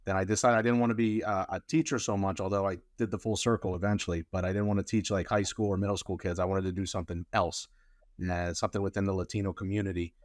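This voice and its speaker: A man with a very deep voice talks casually about his work as a lawyer. He wanders through his answers with fillers and restarts. The sound is close and dry, with no room around it. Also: level tone, quick pace, dry recording. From Colombia. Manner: rambling, many fillers and restarts. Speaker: immigration lawyer, guest.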